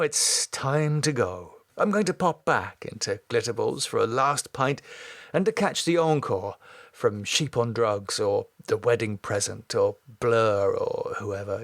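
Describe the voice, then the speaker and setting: Here a middle-aged British man, a writer who hosts a podcast, reads from his own screenplay and chats loosely with his listeners. His voice is fairly low and gravelly, recorded at studio quality without echo.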